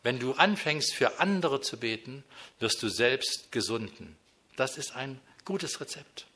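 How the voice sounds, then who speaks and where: A man preaching a sermon in speech, earnest, moving between emphatic declarations and hushed, intimate passages. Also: medium pitch, animated, a little slow, slightly rough.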